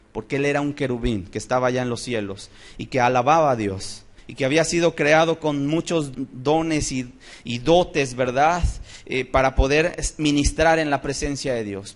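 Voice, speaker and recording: Leading a Bible study, a mid-range-voiced preacher speaks with fervor, shifting from quiet to loud and asking questions he doesn't expect answered.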